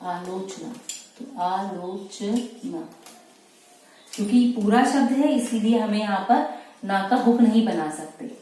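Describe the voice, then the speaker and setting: A woman, a shorthand teacher, giving a slow, deliberate lesson and repeating words syllable by syllable. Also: fairly high pitch, dark tone. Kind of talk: slow dictation-style lesson. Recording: echoey room, far from mic, faint noise.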